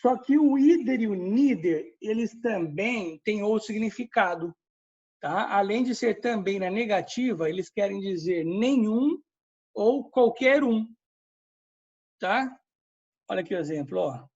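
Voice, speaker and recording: Brazilian-Portuguese-speaking man teaching English slowly. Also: high-pitched, expressive, a little mellow, slightly rough, lo-fi sound. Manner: explains step by step, checks in with students. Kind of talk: recorded class review lesson.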